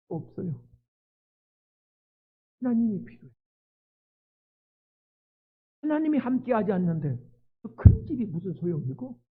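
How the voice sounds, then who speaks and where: A male pastor delivers a sermon in a high, strongly animated voice with a husky edge. He drops to hushed pleading and then rises to loud, fervent cries. The sound is thin and tinny, like a phone line.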